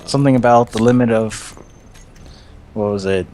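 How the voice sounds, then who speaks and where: A young man playing a game with a friend, chatting casually and swearing freely, his pitch jumping when he gets animated. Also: normal speed, slight background noise. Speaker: guest player. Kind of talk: casual gameplay chat.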